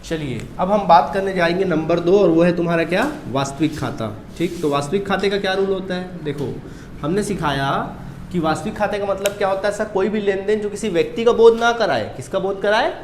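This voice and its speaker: Male commerce teacher, high voice, roomy classroom echo, quizzing his class. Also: a little fast, slight background noise. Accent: Chhattisgarhi Hindi. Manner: drills students with repeated questions. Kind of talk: classroom lecture.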